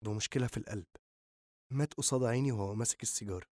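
A man voicing a shy, caring teenage girl with an Egyptian accent, speaking softly and sincerely in an audiobook reading. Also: medium pitch, very fast, no room sound, studio quality, natural voice. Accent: Egyptian Arabic.

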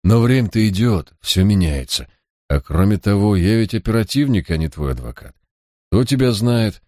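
A man's voice: lowish voice, lively intonation, moderate pace, darkish tone, no echo, studio quality, natural voice. A man voicing a shrewd, cocky male police detective who talks in a mocking, coaxing drawl. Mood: coaxing mockery.

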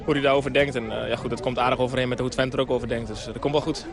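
A man, a football player, answering questions at the pitch side in a casual, hesitant way. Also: fairly even intonation, racing. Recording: outdoor interview with crowd behind.

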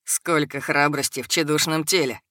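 A woman voicing a calm, sarcastic, centuries-old male dragon shapeshifter in an audiobook, in a low vibrating voice. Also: moderate pace, no echo, studio quality. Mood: calm, sardonic. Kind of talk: audiobook character voice.

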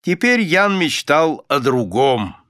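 A man narrating a fairy tale as an audiobook, with an animated, expressive reading. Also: on the high side, slow pace, no echo, studio quality.

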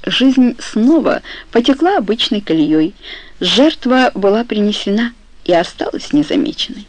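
Calm woman reading an audiobook. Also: medium pitch, slight background noise, poor audio. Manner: calm, measured, soft storytelling. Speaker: audiobook narrator. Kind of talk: audiobook narration.

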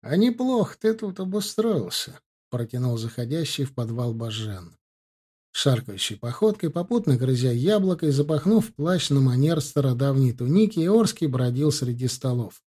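Husky man reading an audiobook. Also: medium pitch, lively intonation, normal speed, warm tone. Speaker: audiobook narrator. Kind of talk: scripted narration.

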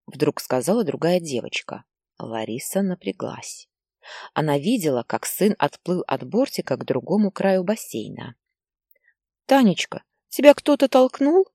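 A woman narrating a story in an expressive, dramatic reading style. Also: low-pitched, moderate pace, husky, no echo, studio quality.

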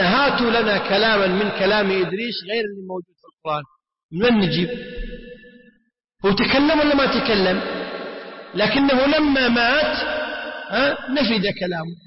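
High-voiced teacher in echoey hall. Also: male voice. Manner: explains by repeating words and asking the class rhetorical questions. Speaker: Islamic scholar teaching. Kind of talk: religious lesson explaining a text. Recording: echoey hall, muffled lo-fi sound.

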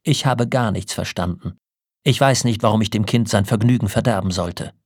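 A woman's voice: lowish voice, flat delivery, normal speed, darkish tone, smooth, no echo, studio quality, pitched above the performer's own voice, natural voice. A man voicing a haughty, cold wealthy wife in an audiobook, speaking in an indignant, aloof way.

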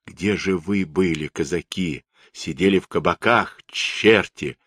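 A man's voice: low-pitched, measured pace, fairly bright tone, no room sound, clean studio sound. A man voicing a hot-tempered Cossack leader who blusters and scolds in a storybook reading. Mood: scolding.

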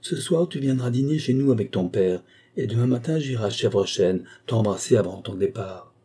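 A man reading aloud, voicing a brisk, coaxing young woman by raising his pitch. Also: lively intonation, mellow, breathy edge. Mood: tender.

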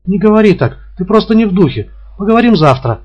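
A male narrator voicing a tense young woman who turns shrill and pleading, in a dull lo-fi audiobook recording. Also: big pitch swings, fast talker, a little hiss or hum. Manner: shrill, pleading, hysterical outbursts.

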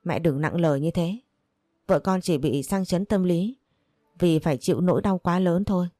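A gentle grown son, as a woman narrator reads him pleads softly with his mother. His voice stays low and warm. The recording is dry and close. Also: normal speed, no room sound, close to an everyday voice. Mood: pleading. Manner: soft, pleading.

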